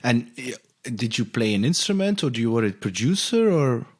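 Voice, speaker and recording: A man from Europe hosting a podcast interview in a casual, halting way with frequent restarts. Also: medium pitch, sing-song, husky. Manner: halting, restarts and hesitant phrasing. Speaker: podcast host.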